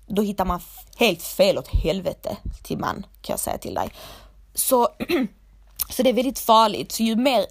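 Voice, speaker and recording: Blunt, chatty young woman. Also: mid-range voice. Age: 20s. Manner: chatty, blunt, calls listener "gumman", swears. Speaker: vlogger giving advice. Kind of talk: casual advice talk to camera.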